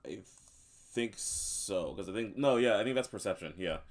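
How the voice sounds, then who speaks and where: A man acting as game master, talking in a relaxed, hesitant way with many pauses. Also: fairly low pitch. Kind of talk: running a tabletop game over a call.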